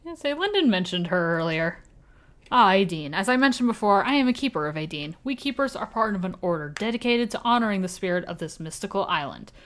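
A woman voicing a kindly older male village blacksmith in a vague put-on accent, reading game dialogue aloud in a formal, warm way. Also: medium pitch, expressive, a little fast, close to an everyday voice.

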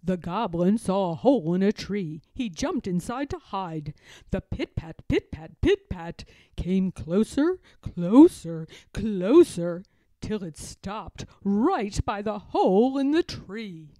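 A woman storyteller reads a children's picture book aloud, dramatic and expressive, leaving suspenseful pauses. Her voice is mid-range, and there's no room sound.

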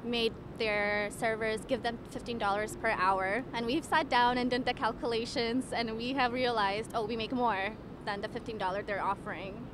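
A young woman from Ethiopia working as a waitress, answering street interview questions in a measured, polite way. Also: fairly high pitch, steady tone. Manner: measured and polite, occasional stammered restarts. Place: outdoors on a city street. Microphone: handheld microphone held by interviewer. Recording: street noise outdoors.

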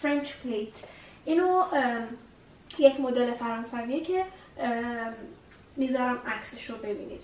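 A woman's voice: a little high, lively intonation, recorded from a distance, slight background noise. A woman teaching English vocabulary, repeating each new word several times as she explains it. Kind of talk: vocabulary lesson. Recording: echoey room, voice a bit off-mic.

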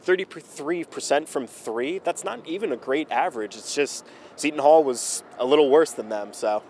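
A young man giving postgame analysis outdoors on a handheld mic, relaxed with frequent fillers. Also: on the high side, moderate pace. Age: young adult. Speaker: student sports analyst. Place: outdoors in front of an arena. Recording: faint street noise outdoors.

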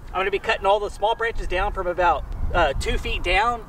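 A man's voice: sits high, a little fast. A man, chatting casually to camera on his rural property with plenty of "uh" fillers, tired after a long day of work. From Texas. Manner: relaxed, chatty, many fillers like "uh". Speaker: homesteading vlogger. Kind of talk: casual vlog talk to camera. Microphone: camera mic, from a distance. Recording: distant outdoor camera audio, faint noise.

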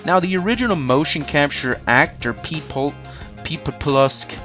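A man's voice: a little high, expressive, normal speed, a bit bright. A man hosting an opinionated countdown commentary, conversational and emphatic with sarcastic asides. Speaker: movie review host. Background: music.

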